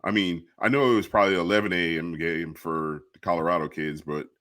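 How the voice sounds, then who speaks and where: A man's voice: sits low, steady tone, fairly quick, a bit bright, dry recording, clean studio sound. A man co-hosting a casual college football talk show, giving blunt, opinionated takes. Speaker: co-host.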